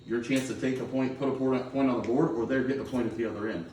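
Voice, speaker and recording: A middle-aged man coaching a team through a pregame pep talk, heard from a distance in a roomy, echoing space. His voice sits at an ordinary male pitch. He is plain-spoken and instructive, checking often that players follow. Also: fairly even intonation, fast, darkish tone, a little hiss or hum. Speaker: high school girls' basketball coach. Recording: roomy echo, distant microphone.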